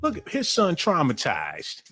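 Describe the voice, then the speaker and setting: A man's voice: fairly high pitch, huge pitch swings, measured pace, sharp tone, husky. A male host giving mocking, profane comedic commentary on a stream.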